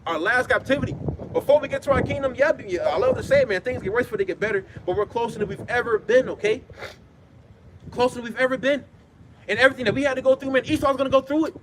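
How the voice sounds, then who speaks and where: A man delivers an informal sermon in a high voice, talking quickly. He is blunt and swears often. He drives home his points with emphatic repetition and constant check-ins with his listeners. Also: noisy background. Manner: blunt street talk with frequent swearing. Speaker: preacher. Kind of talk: informal sermon with scripture readings.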